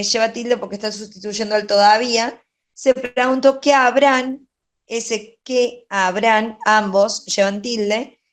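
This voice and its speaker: A woman teaching a grammar lesson, going over exercise answers patiently and often checking in with "¿sí?". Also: a little high. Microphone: online class.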